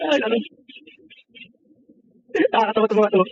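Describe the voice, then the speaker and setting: A man's voice: high voice, moderate pace, muffled recording, a little hiss or hum. A man trash-talking other players over game voice chat, mocking and taunting them, laughing often and swearing freely. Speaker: online gamer.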